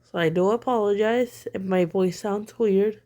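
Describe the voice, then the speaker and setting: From home, an online commentator delivers blunt criticism laced with fillers; she's a little sick and her throat is still giving her trouble. She has a mid-range, dark-toned voice and an unhurried pace.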